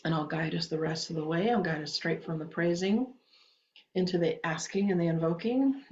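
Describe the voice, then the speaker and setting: A woman guiding a meditation and invocation over a video call, speaking in slow, soothing, drawn-out phrases. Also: fairly low pitch, vocal fry, a little mellow, slight background noise. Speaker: spiritual channeler leading a meditation. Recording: muffled lo-fi recording.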